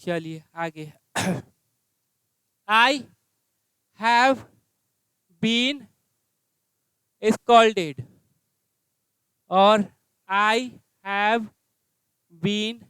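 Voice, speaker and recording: Man, classroom grammar lesson, very high voice, crisp and clean, quizzing students. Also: a bit bright, dry recording. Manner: drills with repeated questions, slow word-by-word phrases. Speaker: English teacher.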